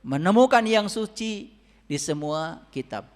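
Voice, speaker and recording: High-voiced man preaching in a hall. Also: animated, measured pace, slight background noise. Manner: addresses audience directly with questions, swings between soft and loud. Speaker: religious teacher. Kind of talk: spiritual sermon to a congregation. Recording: long reverb of a hall.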